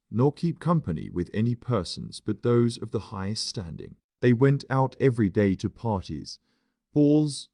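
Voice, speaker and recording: A man reading a classic fairy tale aloud as a storyteller, in a measured, enunciated storybook-opening manner. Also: medium pitch, warm tone, dry recording, clean studio sound.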